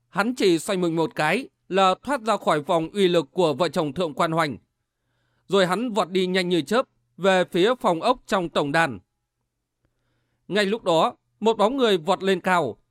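A man narrating a martial-arts novel in a steady, dramatic storytelling manner. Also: high voice, dry recording, clean studio sound. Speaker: audiobook narrator.

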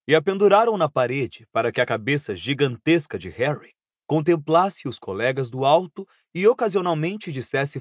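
A man narrating an audiobook in a steady, even storytelling voice. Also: on the high side, no room sound, studio quality. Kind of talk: scripted narration.

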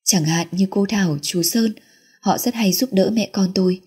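A woman narrating a romance novel in the first person, in a calm, steady reading voice. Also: mid-range voice, normal speed, slightly rough. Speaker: audiobook narrator.

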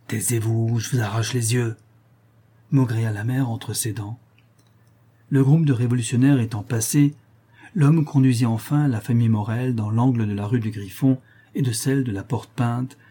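A man narrating a historical novel in a steady, even reading. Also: mid-range voice, normal speed, breathy edge. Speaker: audiobook narrator.

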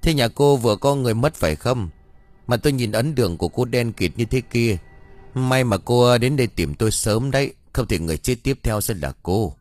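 A man's voice: mid-range voice, animated, fairly quick, a little mellow, no room sound, close to an everyday voice. A man voicing a grumpy, bossy older village sorcerer who scolds bluntly, in a read-aloud story. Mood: stern.

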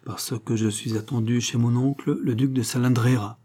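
A man reading aloud plays a calm, calculating young nobleman who speaks with guarded coolness. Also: mid-range voice, moderate pace, lightly acted. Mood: cool. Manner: calm, guarded, quietly scheming.

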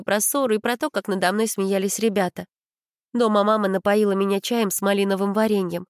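A woman narrating a children's story in the first person, with expressive storytelling. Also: medium pitch, no echo, clean studio sound. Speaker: audiobook reader.

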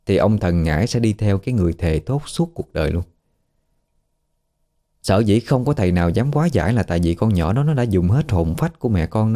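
A man's voice: fairly low pitch, warm tone. A man with a Southern Vietnamese accent telling a horror story in a chatty, conversational way, acting out the people he quotes.

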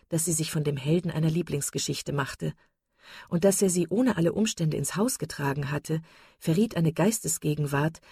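Lady reading a novel aloud, low husky voice, dry close mic. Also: warm tone, dry recording. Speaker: audiobook narrator. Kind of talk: scripted narration.

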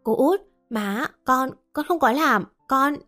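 Woman reading as a cruel jealous wife, harsh sharp scolding, storybook reading, faint music. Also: sits high, slow pace, pitched above the performer's own voice. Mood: desperate. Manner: harsh scolding, then desperate pleading.

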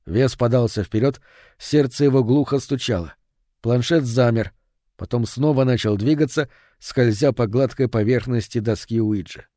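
A man reading a horror novel aloud in an even, measured way. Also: mid-range voice, no room sound, clean studio sound. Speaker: audiobook narrator. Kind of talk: scripted horror narration.

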